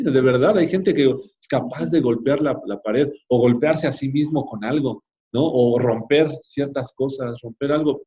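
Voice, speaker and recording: A man with a Mexican accent leads a church class, talking casually and checking in with his listeners. His voice sits at an ordinary middle pitch. The recording sounds a little dull and lo-fi. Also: warm tone. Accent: Mexican Spanish. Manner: conversational, frequent tag questions, addresses the class directly. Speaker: Bible class teacher.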